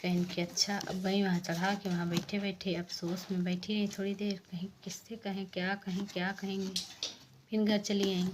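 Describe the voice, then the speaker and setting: A woman casually narrating a village folk tale, softly voicing the lines of each character. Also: medium pitch, background noise. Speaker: storyteller.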